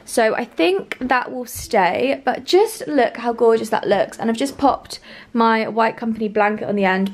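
A young woman chatting casually in her flat for a vlog, enthusing about her rooms with lots of ums and likes. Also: medium pitch. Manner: gushing, filler-heavy, enthusiastic. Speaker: home vlogger. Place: bedroom and kitchen of a rented flat, indoors.

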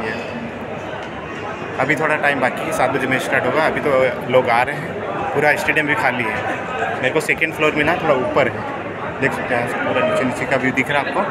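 A young man from Madhya Pradesh, India, chatting excitedly to his viewers as he walks to a cricket stadium and films from the stands, holding his phone at arm's length. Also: medium pitch. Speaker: vlogger. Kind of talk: casual walking vlog commentary. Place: outdoor street, then large open-air cricket stadium stands. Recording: loud crowd and street noise. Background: crowd and traffic.

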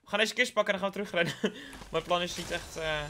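A young Dutch gaming YouTuber from the Netherlands gives playful live gameplay commentary, joking with viewers and dropping English slang. His voice sits high and sounds pushed and bright, and he talks fast over slight background noise.

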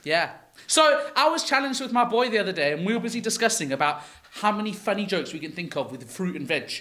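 A man's voice: high-pitched, big pitch swings, fast talker, bright, forceful tone. A man, a children's pastor, cracking goofy puns and rambling through fruit and veg jokes on a kids' church show. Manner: goofy, pun-loving, rambling.

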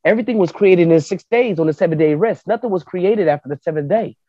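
A man's voice: high voice, quick pace, no room sound. A man in casual podcast chat, telling stories and arguing his point by acting out both sides of a conversation. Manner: animated, argumentative storytelling with quoted back-and-forth. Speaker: podcast panelist. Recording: dull lo-fi podcast audio.

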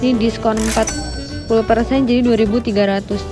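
Moving from a supermarket to her dining room at home, a young vlogger chats casually and upbeat, explaining things as she films her shopping trip. She speaks a little fast in a fairly high pitch with a steady tone, over background music.

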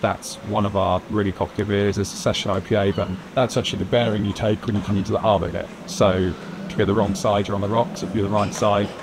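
Speaking fast in a low, level tone, this Lyme Regis man in his thirties has a southern English accent and runs a brewery. Interviewed as a local business owner in an outdoor courtyard by a stone wall, he's informal, leaning on "kind of" and "you know", and his lapel mic picks up clear street noise.

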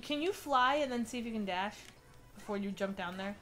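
A young woman chatting casually and playfully while playing a video game with a friend, excitable and giggly. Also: medium pitch, a little fast. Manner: giggly, excitable, swearing banter. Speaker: let's play gamer. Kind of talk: casual gameplay chat.

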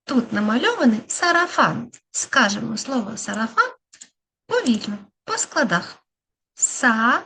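A woman speech therapist giving a lesson to young children, sounding out words slowly syllable by syllable and encouraging them. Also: a little high, sing-song, gravelly, pushed and bright, slight background noise. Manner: slow, syllable-by-syllable, encouraging teacher talk.

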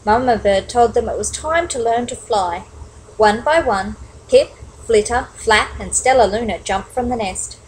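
A woman reading a children's picture book aloud, expressive, with chatty asides to young listeners. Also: on the high side, measured pace, a little hiss or hum, rough recording. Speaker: storybook reader. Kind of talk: children's story read-aloud.

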